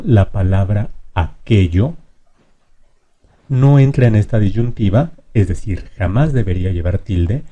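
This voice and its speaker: A man teaching a grammar lesson, explaining rules clearly and reading his example sentences out slowly. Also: fairly low pitch, warm tone.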